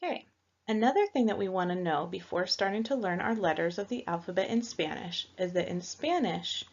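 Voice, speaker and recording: A woman teaching a Spanish language lesson, going through the alphabet letter by letter and patiently spelling out each example. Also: fairly low pitch. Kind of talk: slow, careful language lesson. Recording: dull lo-fi recording.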